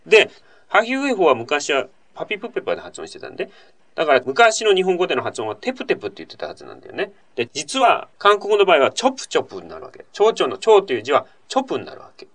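A male host in relaxed conversation, with a voice that rises and falls freely. He explains at length in a chatty style, dropping in asides and tag questions, and sounds like a regular presenter answering mail. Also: a little high, quick pace. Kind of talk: casual radio-style talk answering a listener letter.

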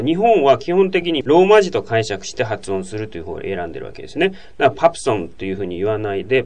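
A man hosting a talk show, explaining things in a casual, lively way and answering listener messages. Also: mid-range voice. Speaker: radio show host.

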